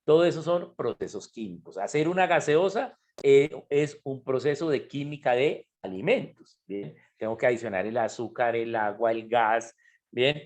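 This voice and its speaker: This man's mid-range voice has a darkish tone and a moderate pace. Teaching chemistry online through his computer mic on a video call, he breaks things down step by step and frequently asks if everyone is keeping up.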